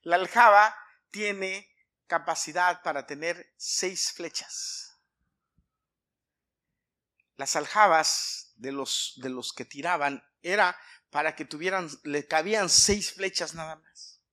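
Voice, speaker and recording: A man preaching a sermon to his congregation, speaking with emphatic swings in volume and clearing his throat often. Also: on the high side, slow, bright, forceful tone. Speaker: pastor.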